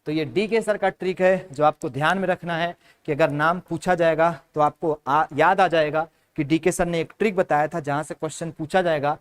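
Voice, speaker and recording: Indian male chem teacher, fairly high voice, repeats everything, drills mnemonics. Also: moderate pace, hardly any pauses, smooth. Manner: repetitive, drilling mnemonics, calls students beta. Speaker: chemistry teacher. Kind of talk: classroom lecture in Hindi-English mix.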